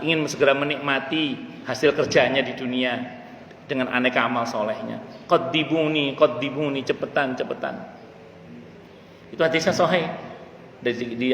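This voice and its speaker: A man giving a mosque study lecture, chanting Arabic passages slowly before explaining them. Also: mid-range voice, fairly bright tone, a little hiss or hum. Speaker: religious teacher. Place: mosque hall. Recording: echoey mosque hall with faint ambience.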